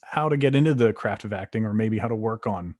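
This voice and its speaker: A man's voice: on the low side, fast talker, a little mellow, dry recording, studio quality. A man co-hosting a casual chat about acting, talking in a laid-back, easygoing way with plenty of fillers. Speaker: co-host.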